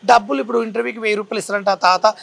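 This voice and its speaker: Guy with a gravelly high voice, talks fast, keeps accusing someone. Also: fairly even intonation, a bit bright. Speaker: interviewee. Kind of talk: heated complaint in an interview.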